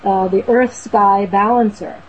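Telling a casual talk-show story, this Boston woman speaks at a measured pace in a steady, husky mid-range voice. She's earnest yet rambling, full of fillers and restarts, and the recording is lo-fi.

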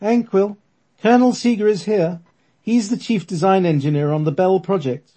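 Man putting on a loud, bossy elderly woman medium. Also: sits high, breathy edge, pitched above the performer's own voice. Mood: calling out. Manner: commanding, calls out long drawn-out.

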